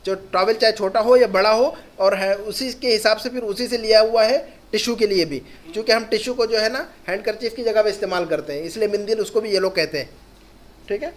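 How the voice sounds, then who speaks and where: High-pitched male teacher, patient classroom delivery, reads slowly then explains fast. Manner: slow, drawn-out reading of each word, then quick explanations with checking questions. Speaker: Arabic teacher. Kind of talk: classroom lesson, reading and translating words.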